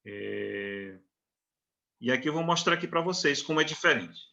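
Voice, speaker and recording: Bright Brazilian man explaining step by step. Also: medium pitch, lively intonation, moderate pace, creaky, muffled recording. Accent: Brazilian Portuguese. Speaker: literature teacher. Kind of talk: recorded online lecture.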